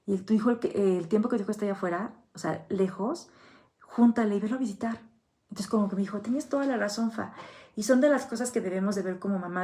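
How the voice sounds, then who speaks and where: A middle-aged Mexican woman talks earnestly through a podcast reflection at a middle pitch. She tells anecdotes and acts out the quoted voices of the people in them. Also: darkish tone. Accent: Mexican Spanish. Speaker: thanatologist and podcast host.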